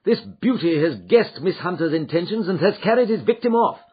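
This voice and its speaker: Sherlock Holmes, brisk and commanding, read by a man. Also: high voice, very animated, slightly rough, voice pushed up, exaggerated voice. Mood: urgent. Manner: brisk, emphatic, eager. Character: keen, commanding male Victorian detective. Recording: dull lo-fi recording.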